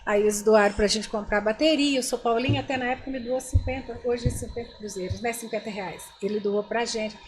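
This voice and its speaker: An older Brazilian woman, interviewed as a guest, recounts stories from her past and speaks directly to her interviewers. Her voice is a little high and she talks a bit fast, barely pausing, with animated energy. The recording is rough, with slight background noise.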